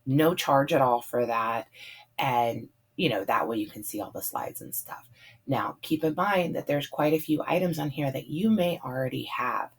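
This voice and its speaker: A woman, hoarse from talking a lot, chatting casually through a budget meal plan with plenty of ums and likes. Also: rumbling low, normal speed. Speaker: budget meal planning vlogger. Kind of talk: casual voice-over.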